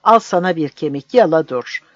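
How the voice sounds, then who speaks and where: A man voicing a cruel, mocking soldier who shouts and taunts, on a dull, dry recording. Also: on the high side, animated, normal speed, no echo, natural voice. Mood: taunting. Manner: jeering, shouting.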